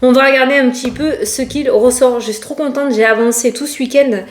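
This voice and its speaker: A woman's voice: high-pitched, steady tone, a little fast. A woman doing a casual, rambling tarot reading who laughs often and speaks with a regional French accent. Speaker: tarot card reader. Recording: echoey room.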